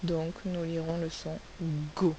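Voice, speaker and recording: A woman teaching a phonics lesson, sounding out letters and syllables slowly and asking the class questions. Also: sits low, completely flat delivery, dark tone, poor audio. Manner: slow, carefully spelled-out sounds, asks questions. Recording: faint hiss.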